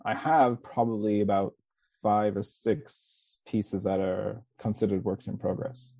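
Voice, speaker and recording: Here a man in his forties speaks in a low, steady, gravelly voice that's warm and a little slow, with no room sound. Originally from England, he has a largely Canadian accent with faint Mancunian traces. Appearing as a guest author in a casual podcast interview, he rambles chattily, frequently laughing and starting over.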